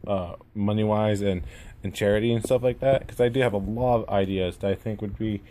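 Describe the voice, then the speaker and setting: A man speaks in a fairly low, very mellow voice with a lisp that stretches his S sounds. He rambles casually and modestly, as in an unscripted gaming vlog recorded at home. A little background noise sits behind him. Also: fairly even intonation. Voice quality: lisp with drawn-out, slurred S sounds. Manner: rambling, self-effacing. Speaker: gaming YouTuber introducing himself. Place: indoors at home. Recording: noticeable room noise.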